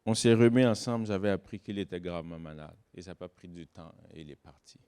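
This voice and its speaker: Preaching man, loud then hushed. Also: clear, resonant tone. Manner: swings between loud emphatic stresses and hushed low asides; slows down to stress key words. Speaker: guest pastor. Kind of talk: sermon.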